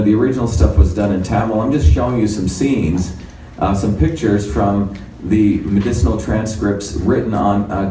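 A warm, lowish male voice belongs to an Indian man in his fifties presenting a conference lecture with slides. He explains things in a conversational way, and the conference-room recording sounds roomy, with the mic far off and faint noise.

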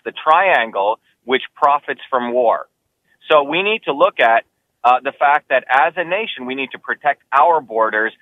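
A man's voice: no echo, narrow, tinny audio. A man, who grew up in New Jersey, answering interview questions as a political candidate, talking emphatically and insistently. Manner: emphatic, insistent, rising pitch when heated.

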